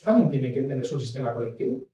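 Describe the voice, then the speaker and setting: A man's voice: medium pitch, expressive, quick pace, mellow, a little hiss or hum. A man giving a rambling talk as an industry expert, restarting and adding asides. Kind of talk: talk on packaging regulation. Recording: echoey room from far off mic.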